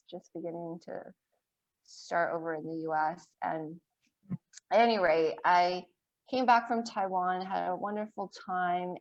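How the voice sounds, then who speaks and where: A woman's voice: fairly low pitch, highs cut off. Chatty woman in her forties hosting a podcast. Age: 40s. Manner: chatty, laughs easily, uses lots of fillers. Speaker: podcast host. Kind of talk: casual conversation. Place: home in Maine, US.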